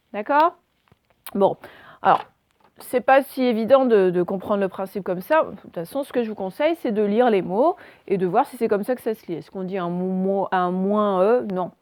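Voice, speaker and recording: A woman's voice: medium pitch, no room sound. A woman teaching a phonics lesson to young children, patiently spelling out letters one by one.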